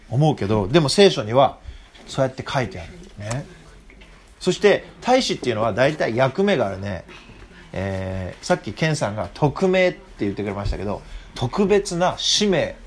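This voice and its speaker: Lively man leading a Bible talk. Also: medium pitch. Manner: chatty, asks the group many questions. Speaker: church youth teacher. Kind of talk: interactive Bible talk to young listeners.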